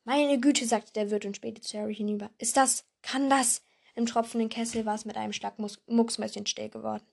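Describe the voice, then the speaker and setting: A woman's voice: a little high, darkish tone. A woman reading a novel aloud, voicing the characters and restarting words she trips over. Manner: acts character lines, stumbles and restarts words. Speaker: reader.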